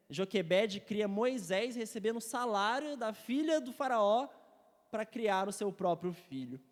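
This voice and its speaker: A woman's voice: medium pitch, darkish tone, in a large hall. A woman teaching a church Bible study with slides, explaining patiently and often adding tag questions.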